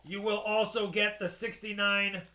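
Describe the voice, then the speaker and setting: A man gives a casual live auction sales pitch in an unusually high, bright voice. He takes his time and repeats details carefully for buyers. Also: little pitch movement, unhurried. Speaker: host selling coins by live auction.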